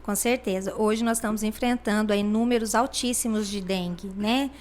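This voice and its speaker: A woman from Brazil speaks in a steady, mid-range voice at a moderate pace. She appears as a guest in an interview in her role as regional health superintendent, explaining things with lots of fillers like "né" and imitating people she quotes.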